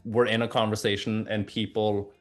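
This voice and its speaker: In a casual interview, a guest from Oslo, Norway, who has spoken both English and Norwegian since childhood, talks in a lowish, level voice at normal speed. He frequently repeats words as he thinks, and soft music plays behind him.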